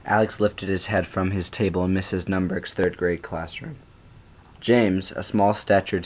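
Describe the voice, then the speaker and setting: A male student reading his own story aloud, unhurried, with occasional stumbles and restarts. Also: deep voice. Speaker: student reader.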